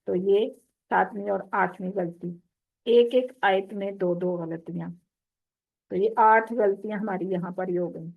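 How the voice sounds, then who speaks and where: A woman's voice: mid-range voice, steady tone, gravelly. Woman teaching recitation over tinny audio. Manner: slow, drawn-out demonstration of Arabic words. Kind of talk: tajweed lesson explaining recitation mistakes.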